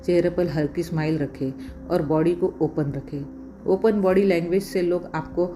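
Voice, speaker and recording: A woman giving scripted voice-over narration with steady, instructive delivery, counting off communication tips by number. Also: lowish voice, normal speed, soft background music.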